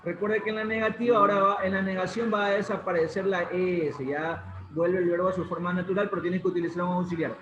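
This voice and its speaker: Guy teaching english over a video call, high voice, patient, repeats stuff, roomy sound. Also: fairly even intonation, fast, hardly any pauses, fairly bright tone, a little hiss or hum. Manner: patient, repeats points, prompts students. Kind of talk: online class, explaining grammar. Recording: muffled video call in an echoey room.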